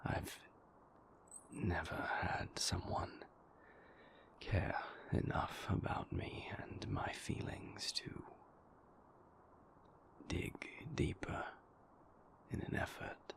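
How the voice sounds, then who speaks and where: In an intimate roleplay audio, a male actor whispers as a remorseful vampire boyfriend who is formal and guarded. His low voice is breathy and gravelly, the tone steady, and the heavily acted delivery halting and careful, with a confessional mood.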